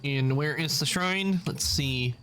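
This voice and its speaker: A man's voice: on the high side, takes it slowly, pushed and bright, soft background music. A man giving casual game commentary as he plays. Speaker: gamer.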